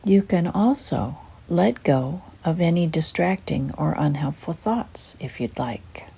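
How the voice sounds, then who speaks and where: In a low, expressive voice, an older woman slowly talks listeners through a guided meditation. The tone is soft, breathy and husky, gentle and calming.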